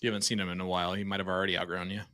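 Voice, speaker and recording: A man's voice: sits low, little pitch movement, racing, pushed and bright, no echo, studio quality. A man giving live darts commentary with joking banter.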